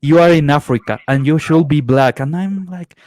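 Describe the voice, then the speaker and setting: A man from Ecuador with an Ecuadorian Spanish accent, a native Spanish speaker, telling animated stories in a casual online chat. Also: on the high side, normal speed, no room sound. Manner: animated storytelling, acts out quoted voices. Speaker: stream guest.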